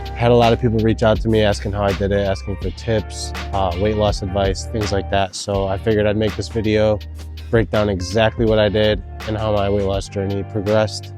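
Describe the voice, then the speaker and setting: Low-voiced man vlogging, laid-back and slangy. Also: flat delivery, a little fast, music in the background. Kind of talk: casual vlog storytelling with tips. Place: outdoors in wind.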